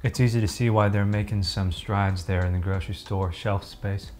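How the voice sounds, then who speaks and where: Man, slightly low voice, easygoing food-review vlogger, talks while chewing. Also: normal speed. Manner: relaxed, chatty, eats while talking. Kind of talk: casual food taste-test vlog.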